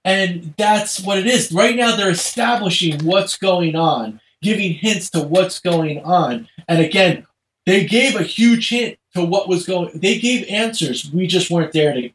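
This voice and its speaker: A man's voice: high-pitched, unhurried, fairly bright tone, a little hiss or hum. A man in casual, rambling discussion as a podcast panelist, recorded in an echoey room.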